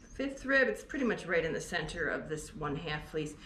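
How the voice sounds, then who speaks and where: A middle-aged sheep farmer and fleece seller, very animated, talks at normal speed in a low, slightly bright voice. She chats enthusiastically while working at a barn's fleece-skirting table, filmed from a tripod a few feet away, with echo, faint ambience, and slight background noise.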